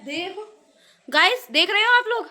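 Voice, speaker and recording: A woman's voice: sits high, normal speed, a loud crowd. A young woman vlogging at a family gathering, talking straight to her viewers in a playfully dramatic, mock-outraged way. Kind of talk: casual village vlog narration.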